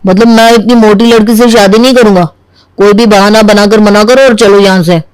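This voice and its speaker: A man's voice: sits high, fairly even intonation, brisk, clean tone, natural voice, low-quality recording. A man voicing a stubborn, argumentative young man in a cartoon who insists on a slim bride. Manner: whiny, argumentative. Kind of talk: Hindi cartoon dubbing.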